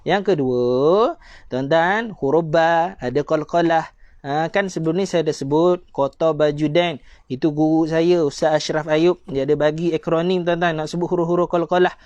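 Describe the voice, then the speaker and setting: A man's voice: a little high, normal speed, darkish tone, no echo, lo-fi sound. A man with a Malaysian Malay accent teaching Quran recitation in a live-streamed lesson, addressing his viewers politely and drawing out letter sounds to demonstrate them.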